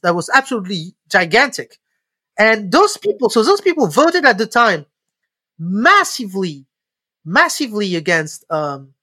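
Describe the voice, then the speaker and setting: A man talks through his analysis casually. His voice is bright and forward, and he often stumbles over fillers and restarts. The sound is dry and close. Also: sits high, no room sound. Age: 30s. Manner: hesitant, many fillers and restarts. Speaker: guest commentator.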